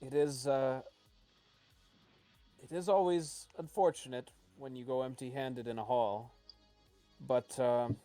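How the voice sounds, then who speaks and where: A man voicing a suspicious, bargaining leader of a hunter war band, measured and firm. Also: mid-range voice, steady tone, warm tone, dry recording, soft background music, lightly acted.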